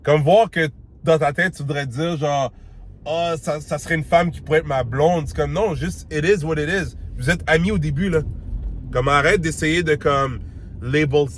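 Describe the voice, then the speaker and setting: A talkative man with a Québécois accent and a voice pitched a little high, coaching the listener on dating like a buddy. His speech is loose and slangy, with English words dropped in, and he acts out the lines he quotes. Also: moderate pace, slight background noise. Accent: Québécois French. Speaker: dating advice host. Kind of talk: casual advice monologue.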